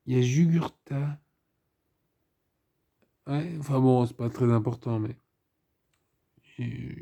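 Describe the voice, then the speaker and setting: Male film reviewer, low gravelly voice with a mellow tone, rambly and wry. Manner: rambling, with ironic joking asides. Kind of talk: casual spoken film review.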